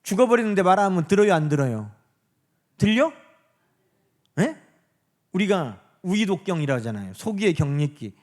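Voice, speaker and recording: A man preaches to his church in a high, lively voice. He keeps asking his listeners questions and answering them himself. He drops into a softer voice when he acts out quoted speech. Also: normal speed, long pauses. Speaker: pastor. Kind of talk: sermon. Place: church sanctuary.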